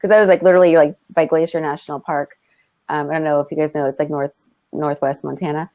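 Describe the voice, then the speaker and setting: A woman's voice: low-pitched, fairly even intonation, quick pace, darkish tone. Chatty woman hosting a live video chat. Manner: chatty storyteller, laughs often. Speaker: show host. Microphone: video call.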